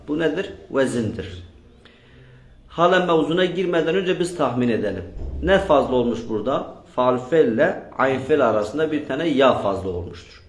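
A man teaches a grammar class, quizzing his students over and over and repeating their answers back to them. His voice sits at a middle pitch. It rings in an echoey room. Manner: drills students with repeated questions. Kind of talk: classroom lesson with question and answer.

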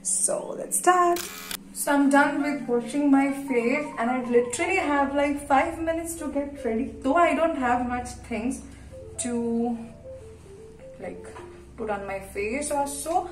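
An echoey, slightly distant phone recording of a young woman with an Indian accent. She talks in a casual, chatty vlog style at a medium pitch, repeating words for emphasis. Music plays along with her voice. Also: slow. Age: 20s. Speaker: vlogger. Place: hotel room and small tiled hotel bathroom. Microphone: phone propped a short distance away. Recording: echoey tiled bathroom, distant phone mic.

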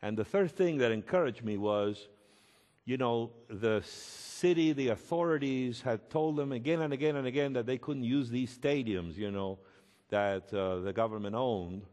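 A man preaching a sermon as a pastor, telling a story slowly and emphatically and rising to shouts at its peaks. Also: mid-range voice. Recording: echoey hall with long reverb.

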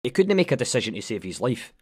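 A Scottish man tells a comic story in a dry, deadpan way. The recording is close and dry, with no room sound. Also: medium pitch, fast, husky, no room sound.

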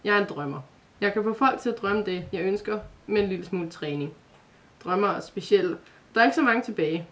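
A woman's voice: medium pitch, expressive, a bit bright, close to an everyday voice. A woman voicing a shy young male dream spirit in a storybook reading, hesitant and apologetic. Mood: earnest.

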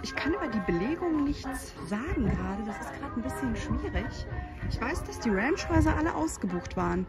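A woman's voice: a little high, big pitch swings, brisk, over loud music. A woman in her thirties chatting casually as she walks and films a holiday park tour on her phone. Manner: chatty, upbeat, filming while walking. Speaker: vlogger. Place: outdoor holiday park and indoor restaurant. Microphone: handheld phone camera.

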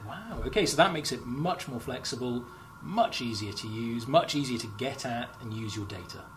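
A man's voice: medium pitch, normal speed. Young man, upbeat host, chatty with fillers, lab hum behind. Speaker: marketing host. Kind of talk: corporate product interview. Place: company lab, indoors, standing. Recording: lab background noise.

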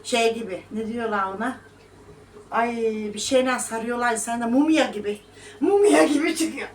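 A high-pitched woman in her thirties chats through a home cooking video and mocks her critics with laughs. Her voice sits a little away from the phone, in an echoey kitchen with faint room noise behind her. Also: normal speed, far from the mic. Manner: chatty, scolding and mocking critics with laughs. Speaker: vlogger. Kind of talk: casual cooking vlog, talking to viewers.

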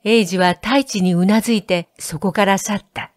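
Woman narrator, audiobook, calm measured read, dry close sound. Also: medium pitch, dry recording. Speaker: audiobook reader.

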